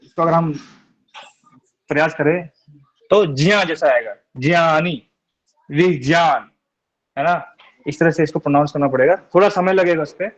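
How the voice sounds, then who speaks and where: A young male teacher, a little higher-pitched than most men, leads an online class with patient, reassuring explanations and keeps checking that his students follow. He breaks words into their sounds and says them again slowly. His voice comes through dull, lo-fi online audio. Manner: reassuring, repeats syllables slowly, often asks "theek hai?".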